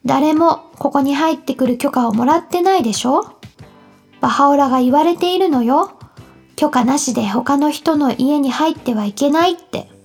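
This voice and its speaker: A woman's voice: high-pitched, normal speed, soft background music. Give me a woman doing a strict mother voice, firm and instructive. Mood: stern. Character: stern but caring mother of five.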